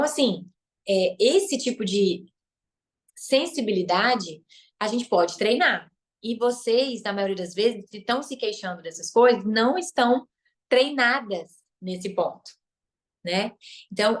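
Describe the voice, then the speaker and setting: A woman with a Brazilian Portuguese accent, a relationship coach and therapist, teaching a live online masterclass. She is emphatic, repeats key phrases and tacks on tag questions. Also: medium pitch.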